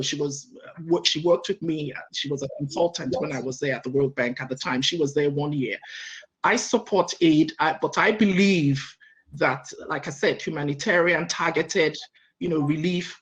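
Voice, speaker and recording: A middle-aged Nigerian woman answers on a panel with energy, listing her points and repeatedly adding "right?" to check in. Her voice sits low, and the recording is low quality.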